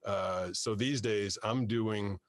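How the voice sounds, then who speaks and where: Male voiceover pro, low voice, lively storyteller, dry booth mic. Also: takes it slowly, no echo. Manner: animated storyteller, repeats words when starting sentences. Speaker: voiceover artist, guest. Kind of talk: conversational interview. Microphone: studio microphone.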